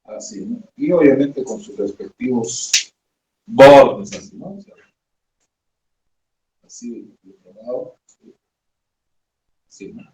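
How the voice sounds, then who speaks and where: A male electronics teacher giving a slow classroom lecture, talking haltingly and keeping up a steady stream of check-in tags. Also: mid-range voice. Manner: slow, halting, keeps adding "decimos, ¿no?". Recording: echoey room.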